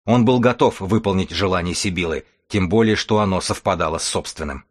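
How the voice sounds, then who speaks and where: A man narrates an audiobook in a dark, steady dramatic reading. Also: sits low, brisk.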